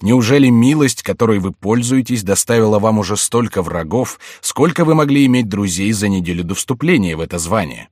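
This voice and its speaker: A man's voice: fairly low pitch, lively intonation, a little fast, few pauses, a little mellow, no echo, studio quality. A man voicing a bold, mocking young nobleman in a read-aloud classic novel. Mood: daring. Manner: mocking, daring.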